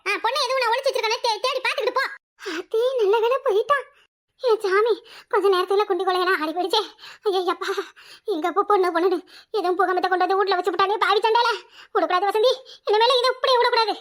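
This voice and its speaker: For a cartoon, a woman voices a village housewife who is sharp-tongued and quarrelsome. The speech comes fast and scolding, carries a Kanyakumari Tamil accent and sits very high.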